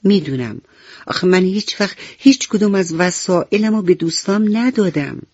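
A woman voicing a small selfish monkey child in a radio bedtime story, talking quietly and hesitantly. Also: on the low side, expressive, no echo, highs cut off. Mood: gloomy. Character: small shy selfish young monkey, ashamed.

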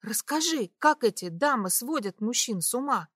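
A woman voicing an excitable, tipsy young woman who goes high and loud when upset. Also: moderate pace, slightly rough, no room sound, clean studio sound. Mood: curious.

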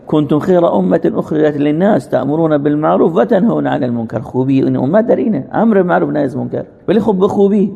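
Heard through long hall reverb, this man gives an earnest religious lecture in sermon style, asking rhetorical questions and answering them himself. His pitch is a little high, with vocal fry, a mellow quality, and a breathy edge.

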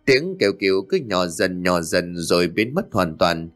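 Low-voiced man narrating a ghost story. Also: normal speed, soft background music. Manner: dramatic, expressive.

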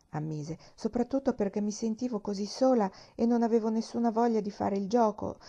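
A cheerful, earnest young girl, as a woman reader puts her on. The voice is mellow and warm, and she talks with eager sincerity. The recording is a little dull and lo-fi. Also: mid-range voice, lightly acted.

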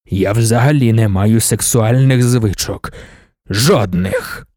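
A man voicing an ancient, imperious male god-emperor in an audiobook, speaking in a slow, measured, commanding way. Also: fairly low pitch, a little mellow, dry recording, studio quality, pitched below the performer's own voice. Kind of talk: audiobook character voice.

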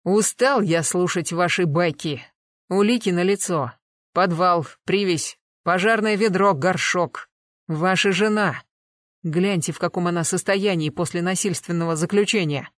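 A reader voicing an impatient, gruff man who barks blunt accusations in audiobook dialogue. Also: sits high, a little slow, fairly bright tone, no room sound, studio quality. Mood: angry. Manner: barking, blunt.

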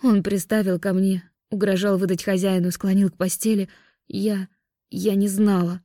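A woman voicing a guilt-stricken young fairy woman, speaking in a halting, subdued way. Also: mid-range voice, level tone, warm tone, no echo, studio quality, lightly acted. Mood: guilty.

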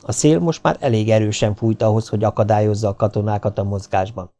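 A man reading an audiobook in a steady, measured narration. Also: lowish voice.

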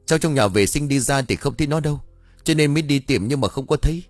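A frightened teenage girl as a male storyteller puts her on, anxious and tearful, her voice pitched well above a man's usual range. She calls and pleads in a dry, close recording for a spoken ghost story. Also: fast talker, no room sound, faint music behind, natural voice. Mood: tearful pleading.

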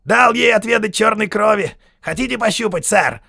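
A man doing a shrill, manic killer sergeant. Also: moderate pace, gravelly, pushed and bright, no room sound, clean studio sound, full character voice. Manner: shrill, manic, sneering, barking "sir". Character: crazed murderous male army sergeant, fawning.

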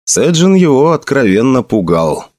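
A man reads a fantasy story aloud, his voice lively and moving freely up and down. The sound is close and dry, with no room around it. He keeps a steady, plain storytelling pace. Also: medium pitch, unhurried, no echo. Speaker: audiobook narrator. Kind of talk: reading a fantasy novel aloud.

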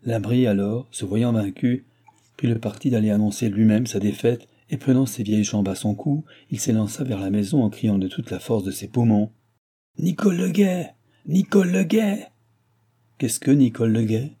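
A man reads a classic novel aloud at a measured, even pace. His voice is low and very dark, with a husky grain. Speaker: audiobook reader. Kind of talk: audiobook narration of a classic novel.

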